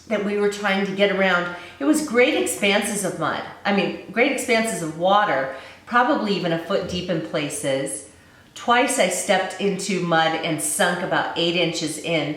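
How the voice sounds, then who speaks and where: A woman's voice: medium pitch, a bit bright. A woman vlogger giving a casual, chatty recap, talking indoors. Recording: very echoey room.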